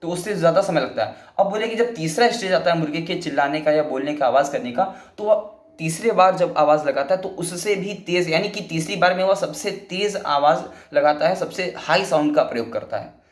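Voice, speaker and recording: A man gives a lesson in a slightly high voice, patiently going over each idea again and again. His voice rings in an echoey room. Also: lively intonation, a little fast. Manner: repetitive, patient explaining with many restatements. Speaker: Sanskrit teacher. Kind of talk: explanatory classroom lesson.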